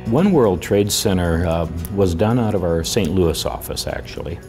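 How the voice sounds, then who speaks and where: A man with a low, mellow voice talks calmly, hesitating now and then on fillers. Faint music plays underneath. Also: normal speed. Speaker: engineer. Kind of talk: interview for local TV feature.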